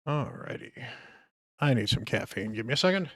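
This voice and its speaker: A man's voice: medium pitch, animated, moderate pace, no echo, clean studio sound. A tired man streaming a game, muttering casual asides and chatting with his viewers. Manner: rambling, muttering asides to chat. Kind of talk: casual live-stream chat while gaming.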